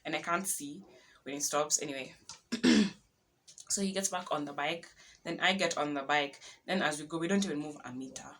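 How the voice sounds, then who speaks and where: Young Kenyan woman, Kenyan accent, low-pitched, animated casual storytelling. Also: normal speed. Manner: animated retelling with laughs and dramatic whispered asides. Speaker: vlogger.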